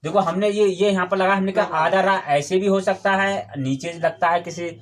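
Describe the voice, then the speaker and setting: A man's voice: high-pitched, fairly even intonation, normal speed. A man teaching a classroom grammar lesson, quizzing his students with call-and-response questions and patiently repeating the key terms.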